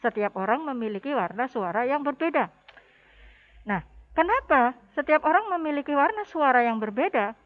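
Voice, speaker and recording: A woman music teacher giving a recorded lesson, patiently explaining to her pupils and addressing them warmly as a class. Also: sits high, big pitch swings, normal speed, phone-quality sound.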